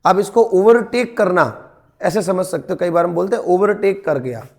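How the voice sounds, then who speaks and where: A male chemistry teacher, lecturing in a mix of Hindi and English. He asks questions and answers them himself, and he reads definitions slowly. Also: sits high, gravelly. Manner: explains step by step, asks and answers his own questions.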